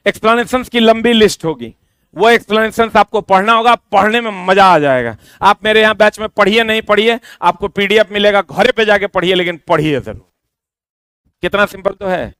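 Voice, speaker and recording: A man explains a course to exam students in a loose, repeating way, addressing them directly. His voice sits high for a man and sounds smooth and resonant. The recording is dry, with almost no room sound. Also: fairly bright tone, dry recording. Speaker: coaching teacher.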